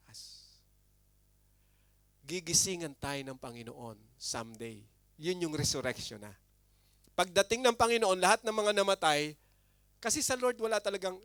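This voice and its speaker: Animated pastor preaching, dry close sound. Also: male voice, smooth, no echo. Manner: animated, with big swings in pitch and loudness. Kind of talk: sermon.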